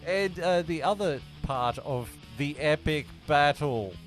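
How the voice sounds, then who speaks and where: A man's voice: a little high, lively intonation, takes it slowly, soft background music. A man hosting a casual podcast, joking and laughing often with his co-hosts. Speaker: podcast host. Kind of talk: casual banter.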